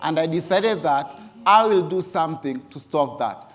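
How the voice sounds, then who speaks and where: With a fairly high, expressive voice and a moderate pace, this man walks through photo slides in a personal presentation. He comes from Mombasa, Kenya, has a Kenyan accent, and founded a youth organization. "Actually" pops up again and again with emphasis.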